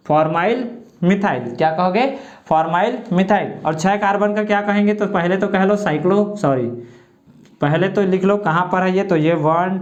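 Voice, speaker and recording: Man, high voice, chemistry lecture, quizzes and answers himself, echoey room, dull lo-fi sound. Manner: asks questions and answers them himself, drawing out key words. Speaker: chemistry teacher. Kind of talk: classroom lecture with call-and-response. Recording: roomy, muffled lo-fi sound.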